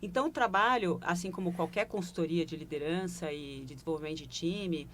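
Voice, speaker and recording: A Brazilian woman with a somewhat low voice speaks in a reflective, explanatory way. She ends many phrases with short questioning asides, the way a consultant talks through her methods in a studio interview. A faint hiss sits under her voice. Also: fairly quick, a bit bright. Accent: Brazilian Portuguese. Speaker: corporate leadership consultant. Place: broadcast studio.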